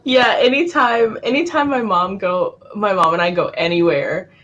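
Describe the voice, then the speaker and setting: A woman's voice: medium pitch, moderate pace, muffled recording, a little hiss or hum. A woman co-hosting a live writing stream, joking and reading out viewer comments casually. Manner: animated, jokey, reads out viewer comments. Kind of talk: casual chat.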